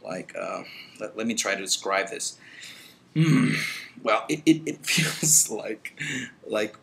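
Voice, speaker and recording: A man's voice: on the low side, animated, takes it slowly, gravelly, fairly bright tone, rough recording. A man from El Salvador talking in a casual, rambling vlog into his computer, with many fillers and restarts. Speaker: meditation vlogger. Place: meditation center indoors.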